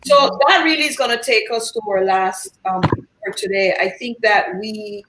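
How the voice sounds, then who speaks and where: A woman's voice: mid-range voice, normal speed. A woman hosting a panel discussion, guiding the talk and affirming her guests eagerly. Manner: warm, affirming, eager agreement. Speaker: host. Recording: roomy echo, faint noise.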